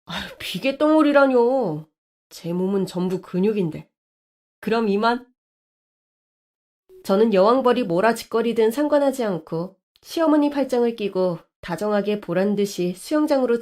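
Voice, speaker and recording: A woman narrating a scripted story in an expressive, lively way. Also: mid-range voice.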